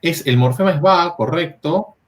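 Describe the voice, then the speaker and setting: A man's voice: on the high side, moderate pace. Man, Latin teacher, step-by-step explanation, frequent check-ins with students. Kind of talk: university class workshop.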